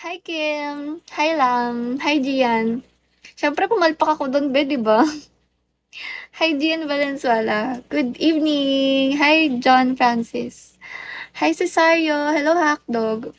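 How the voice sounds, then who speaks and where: A woman's voice: sits high, takes it slowly. A young Filipino woman with a Filipino accent, livestreaming from home on her phone and greeting viewers one by one in a playful, teasing way. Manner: switches between Tagalog and English, playful and teasing. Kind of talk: casual live stream chat greeting viewers.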